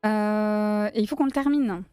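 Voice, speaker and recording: A woman's voice: medium pitch, unhurried, warm tone, clear, resonant tone, no echo, studio quality, soft background music. A woman from south-west France with a south-west French accent, chatting casually and playfully on a crochet live stream and laughing often as she answers her chat.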